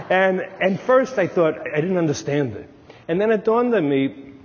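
A middle-aged Jungian analyst from Brooklyn, New York, tells stories at a podium during a conference talk, emphatic and gesturing with his hands. His voice is breathy, a bit high and darkish. A clip-on lapel mic on a large dark lecture-hall stage yields dull lo-fi sound with long hall reverb.

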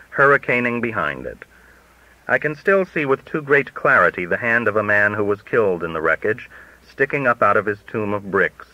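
A man reading an audiobook in measured storytelling, his pitch shifting widely, recorded dull and lo-fi. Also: sharp tone, no room sound. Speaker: audiobook reader. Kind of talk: audiobook narration.

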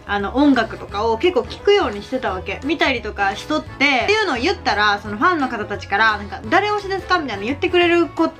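A woman's voice: on the high side, big pitch swings, fast, few pauses, fairly bright tone. A young woman with a Kansai accent, chatting casually and giggling as she eats at the table for her vlog. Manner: chatty and giggly, self-deprecating. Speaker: vlogger. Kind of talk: casual chat while eating. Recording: background music under the voice.

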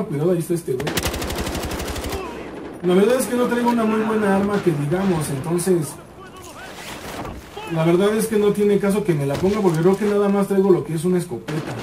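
A man with a Mexican Spanish accent giving casual gameplay commentary, excitable and swearing, repeating words in quick bursts. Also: sits high, far from the mic, background noise. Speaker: gaming YouTuber.

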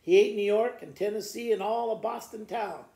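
By a living-room fireplace, a man in his sixties reads children's poems like a principal speaking to pupils, his voice gravelly yet high-pitched, warm, and at a normal speed. The camera sits a little way off, and the room adds a roomy echo.

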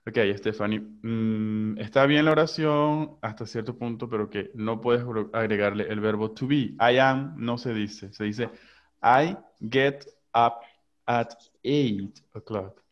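A man's voice: lowish voice, fairly even intonation. Man teaching English over a dull call line. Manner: switches between slow English examples and quick Spanish explanations. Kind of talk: online class.

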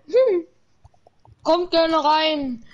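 A woman's voice: very high voice, lively intonation, extremely slow, dull audio. A young woman casually chatting and joking with a friend while livestreaming a console game. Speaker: livestream host. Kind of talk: casual gaming stream chat.

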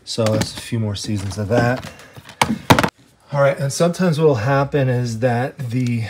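In a casual handheld walkthrough shot first-person, a treasure-hunting vlogger talks his way through an estate sale house at a normal speed, his mid-range voice dotted with "I mean" and "you know." Heavy background noise runs through the recording.

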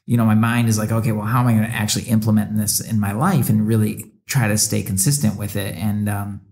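A man's voice: fairly low pitch, fairly even intonation, fast talker, darkish tone. A young adult man co-hosting a podcast, reflective and rambling, with many restarts and fillers. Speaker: podcast co-host. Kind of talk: reflective casual chat.

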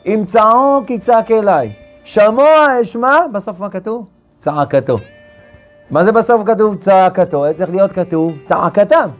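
A man giving a Torah lesson as a rabbi, slowly chanting verses and repeating phrases with restarts. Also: high voice, darkish tone.

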